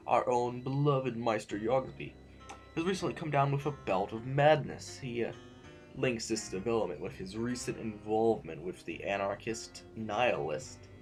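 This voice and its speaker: A man plays a sovereign who chairs a council in an audio drama, formal and courteously threatening, speaking in pompous, measured, halting oratory. His pitch is medium, close to how he might sound in everyday speech.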